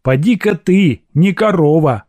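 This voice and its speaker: A man reading an audiobook, voicing an angry middle-aged female housekeeper who scolds loudly. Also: sing-song, normal speed. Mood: grumbling. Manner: sharp scolding, loud and high.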